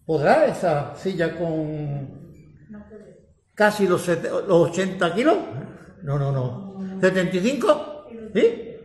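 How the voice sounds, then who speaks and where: A man preaching a sermon, asking rhetorical questions and swinging between loud and soft. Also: high-pitched, sing-song, slow, pauses often, roomy sound.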